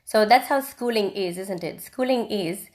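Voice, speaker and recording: A woman from India teaches on a live video stream, picked up by a phone or webcam, in a mid-range voice at normal speed. She's reflective and casual, with frequent ums and restarts.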